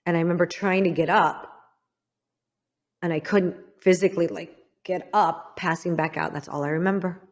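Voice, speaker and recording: In personal storytelling to a guest, a Midwestern podcast host recounts her own story in a slightly low, steady voice. She speaks candidly and haltingly, going quiet at the painful parts.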